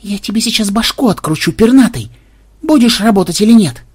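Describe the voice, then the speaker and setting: A man's voice: high-pitched, big pitch swings, moderate pace, breathy edge, exaggerated voice. A man reading an audiobook and voicing a thoughtful, wry programmer who gives orders to his friends. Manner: musing, commanding. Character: pensive programmer hero, young man, wry.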